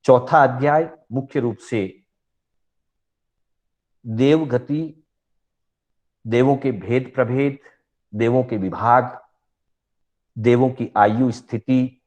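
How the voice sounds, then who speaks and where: A man teaching Jain scripture, slowly reciting Sanskrit sutras, repeating each one, and patiently explaining them to his listeners. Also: mid-range voice, darkish tone. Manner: patient, addresses listeners as brothers.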